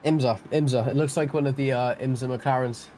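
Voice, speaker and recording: A young man with a Welsh accent talks casually through a live stream of a sim race, rambling and often restarting his sentences. His voice sits at a middle pitch. Clear engine noise runs under it. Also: fairly even intonation, brisk, dark tone. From Wales. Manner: chatty and self-deprecating, often restarting sentences. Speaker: sim racing stream commentator.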